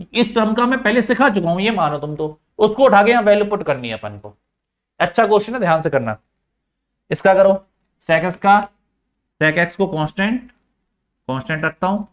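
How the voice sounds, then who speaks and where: A male teacher working through a maths lesson step by step, coaxing and repeating the key points straight to his students. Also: on the high side.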